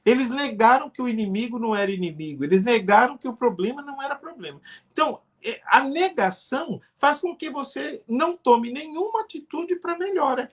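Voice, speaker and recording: Older brazilian pastor explaining stuff earnestly, voice goes way up and down. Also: male voice, very high-pitched, animated, fairly quick, fairly bright tone. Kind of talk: live-streamed interview answer.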